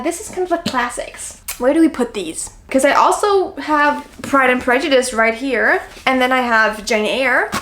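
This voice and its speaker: A woman's voice: sits high, fairly bright tone. A woman chatting casually to camera as a vlogger, gushing and informal, with self-deprecating asides. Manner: gushing, effusive about the books she likes. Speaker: book vlogger hosting her own video. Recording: clear background noise, clicks.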